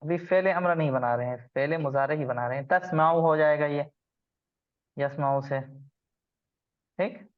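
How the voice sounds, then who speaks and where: A man leads an online grammar lesson, patient and methodical as he quizzes his students. His voice sits a little high. The sound is muffled, like a lo-fi call. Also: moderate pace, long pauses. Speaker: Arabic grammar teacher.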